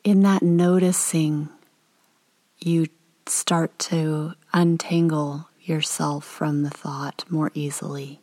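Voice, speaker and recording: Soft and at times breathy, a low-voiced woman leads a guided meditation. She stays calm, gentle and soothing, pausing between each instruction.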